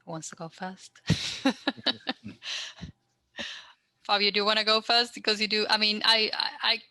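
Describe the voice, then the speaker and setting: A woman's voice: medium pitch, steady tone, a little slow, bright, forceful tone, dry recording. A woman from Argentina, speaking as a researcher on a video-call panel, thoughtful and full of restarts. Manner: thoughtful, hedging, frequent restarts. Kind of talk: conference panel discussion.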